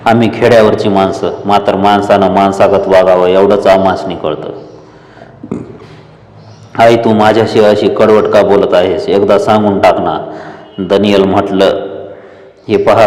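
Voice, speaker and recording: A man's voice: deep voice, a little mellow. A man narrating a village story as an audiobook, reading the villagers' lines in rustic dialect. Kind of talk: storytelling narration with character voices. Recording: echoey room with long reverb.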